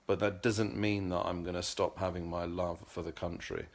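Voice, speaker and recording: In his casual vlog monologue, this middle-aged English-speaking vlogger speaks earnestly, frequently repeating words as he hunts for what comes next. His voice sits low, flat in delivery, at a normal speed.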